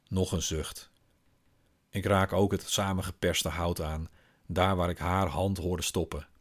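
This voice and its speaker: Low voice dad telling his own story, dry and wry, unhurried. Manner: calm, wry, observant. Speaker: father and narrator. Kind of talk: literary first-person story narration.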